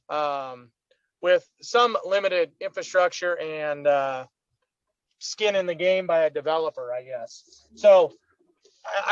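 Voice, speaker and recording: A committee member, a man calling in from his car, speaking informally with pauses and ums. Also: a little high, dry recording, highs cut off. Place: in a car, on a video call.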